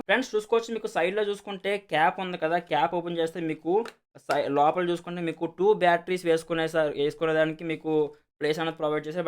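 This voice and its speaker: A man with a Telugu accent speaks in a fairly high, clear, resonant voice. He casually explains and demonstrates a product as a video host, repeating himself and mixing in lots of English words.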